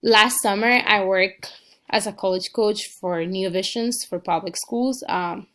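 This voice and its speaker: This student in her 20s, from the Dominican Republic, talks viewers through her personal website in an easygoing screencast. Her medium-pitched voice is fairly bright and a little slow, and her earnest delivery is dotted with ums and quick restarts.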